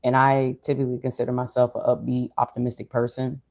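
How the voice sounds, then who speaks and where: A vlogger talking casually and reflectively in a low-energy, unhurried, subdued way, with a mellow voice. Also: monotone, gravelly. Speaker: streamer or vlogger. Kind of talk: casual reflective monologue to an audience.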